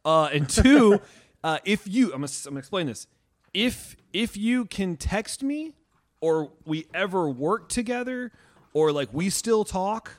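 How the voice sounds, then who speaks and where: Male podcast host, fairly high voice, rambling crude banter full of fillers. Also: animated, unhurried. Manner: rambling, filler-heavy, absurd jokes.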